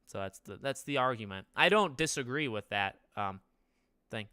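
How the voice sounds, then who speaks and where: Streaming a relaxed gaming session from his living room, couch in the background, a young YouTuber with a nasal, medium-pitched voice talks in an animated way at normal speed. His tone is pushed, bright, clear and resonant, and he rambles conversationally with restarts while quizzing his chat. The sound is clean studio quality with no room sound.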